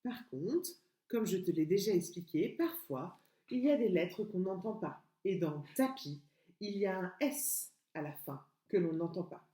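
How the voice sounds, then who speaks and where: A woman kindergarten teacher giving a remote literacy lesson to young children, slowly and patiently sounding out letters and syllables. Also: on the low side, expressive, warm tone. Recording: echoey room.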